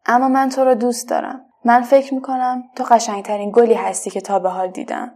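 A woman voicing a shy, timid paper butterfly in a children's story, speaking quietly and hesitantly. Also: on the high side, flat delivery, lightly acted. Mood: tender.

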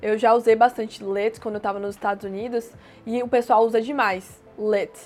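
A woman teaching everyday English phrases, explaining plainly and repeating each phrase slowly. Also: a little high, steady tone, darkish tone, faint music behind. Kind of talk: casual language lesson.

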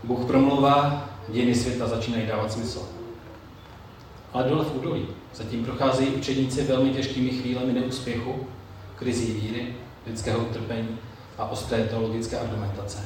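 A man preaching a sermon in a slow, measured way with pauses. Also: medium pitch, flat delivery, a little hiss or hum. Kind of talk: sermon with Bible reading. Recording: very echoey room, mic far off, faint ambience.

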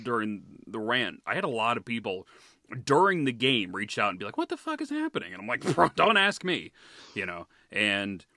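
A man's voice: on the low side, very animated, normal speed, pushed and bright, dry recording, clean studio sound. A man co-hosting a podcast in casual chat, ranting heatedly, swearing freely and laughing often. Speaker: podcast co-host.

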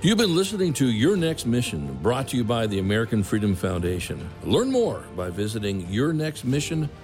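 A man's voice: mid-range voice, sing-song, fairly quick. A man reading a scripted podcast outro as an announcer. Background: music.

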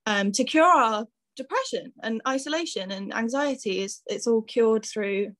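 A woman's voice: fairly high pitch, moderate pace, a bit bright. A woman guest on a podcast, speaking earnestly and reflectively, with self-conscious laughs. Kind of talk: heartfelt recovery podcast conversation.

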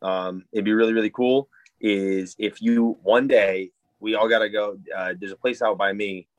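A man's voice: on the low side, steady tone, normal speed, no room sound. A married man co-hosting a casual podcast, joking loosely and swearing casually. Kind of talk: casual chat.

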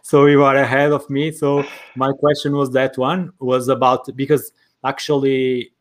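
A man's voice: mid-range voice, flat delivery, normal speed. A man with a Portuguese accent conducting a conversational interview in his second language, with long rambling lead-ins to his questions.

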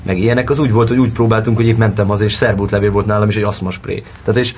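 Brief: low, gravelly male actor from Vojvodina, relaxed interview storytelling. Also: slight background noise. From Serbia (Vojvodina). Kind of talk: casual interview talk.

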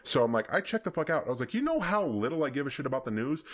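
Racing along at medium pitch, this podcast host spins profane, lively stories in a laid-back manner, breaking into frequent laughter. He's an adult hoping one day to have grandkids.

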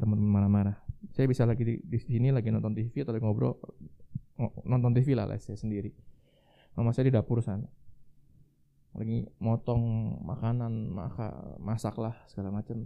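A man's voice: mid-range voice, vocal fry. A man preaching a sermon in a conversational way, often turning to his listeners as friends. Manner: conversational, addresses listeners as friends, tags lines with "gitu ya". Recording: tinny phone-like sound.

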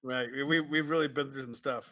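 A man's voice: mid-range voice, steady tone, brisk, sharp tone, dry recording, clean studio sound. A man co-hosting a casual show, chiming in with joking asides. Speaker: podcast co-host. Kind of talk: casual chat.

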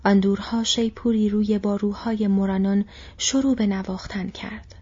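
A woman narrating an audiobook in a soft, hushed, near-whispered storytelling voice. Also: mid-range voice, steady tone, husky. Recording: dull lo-fi recording.

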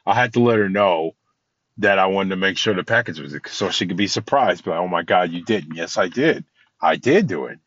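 A man's voice: sits low, lively intonation, normal speed, fairly bright tone, dry recording, lo-fi sound. A man hosting a podcast, talking casually and from the heart about love and surprises, rambling with many restarts and sounding tired. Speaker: podcast host. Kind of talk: casual motivational talk.

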